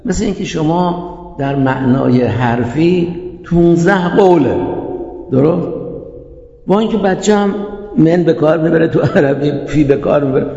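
A man's voice: fairly high pitch, creaky, warm tone. A man teaching a class, explaining step by step and checking with rhetorical questions. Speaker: teacher of Islamic jurisprudence. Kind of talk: classroom lecture. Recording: echoey hall, dull lo-fi sound.

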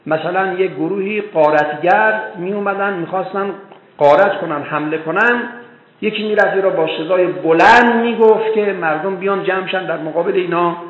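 Guy lecturing on hadith, gravelly voice, sounds tinny and echoey like over a phone line. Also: fairly high pitch. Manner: emphatic, voice rising in bursts for stress. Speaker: religious lecturer.

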